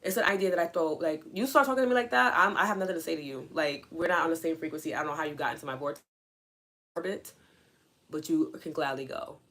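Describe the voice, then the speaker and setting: A young adult woman hosting a spiritual coaching livestream, talking casually and earnestly, answering her chat and asking questions out loud. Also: low-pitched, fast talker. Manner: earnest, questioning, animated asides.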